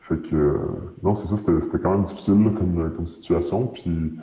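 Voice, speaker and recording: A man with a Quebec accent speaks in a very low, artificially deepened voice with little variation. He gives personal testimony hesitantly, often restarting. The sound is muffled and echoing. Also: fairly even intonation, a little fast, warm tone, a little hiss or hum. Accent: Quebec French. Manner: hesitant, searching for words. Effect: voice pitch-shifted down to disguise identity. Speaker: anonymous witness being interviewed.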